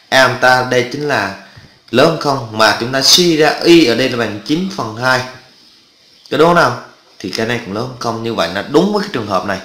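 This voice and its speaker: This math teacher has a medium-pitched voice that sounds bright and forceful. Recorded in a reverberant room, he chats casually through the lesson and frequently asks the class if they understand.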